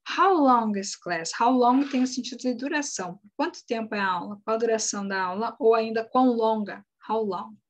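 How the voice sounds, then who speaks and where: A woman with a fairly high voice, teaching English in a recorded lesson recap. She explains things patiently and slowly and spells words out letter by letter.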